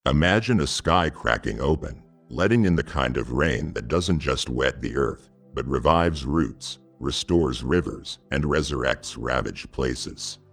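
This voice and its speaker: Speaking as God, a male devotional narrator addresses the listener directly and intimately in scripted narration. His extremely low, gravelly, animated voice moves at a solemn, measured pace, with soft music faintly underneath.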